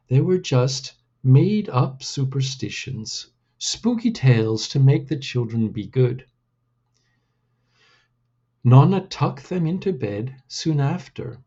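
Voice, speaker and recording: A man reading his own storybook aloud in a deliberate, measured way. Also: medium pitch, gravelly, dark tone, slightly rough, lo-fi sound.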